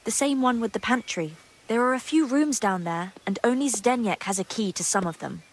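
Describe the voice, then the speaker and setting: Pitched somewhat high and full of expression, this woman moves at a moderate pace while portraying a young monastery maid in a medieval video game drama, someone who gossips yet stays guarded. She sounds confiding, her speech earthy and secretive, with background ambient noise clearly audible.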